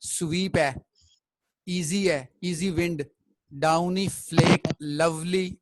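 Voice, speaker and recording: A man's voice: fairly high pitch, fairly even intonation, takes it slowly, heavy background noise. A man teaching a classroom poetry lesson. He explains step by step and keeps checking that the students follow.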